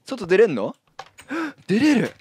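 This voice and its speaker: A man hosting a casual gameplay commentary, reacting out loud and yelping when startled. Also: high-pitched, slow, a little hiss or hum. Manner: excitable, yelps and laughs when startled. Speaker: Minecraft let's-play host.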